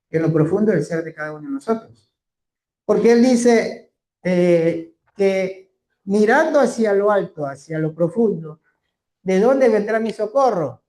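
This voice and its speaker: Mellow-voiced Torah teacher, roomy echo. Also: medium pitch. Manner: asks the class rhetorical questions; slow, drawn-out emphasis on key phrases. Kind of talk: teaching a scripture class.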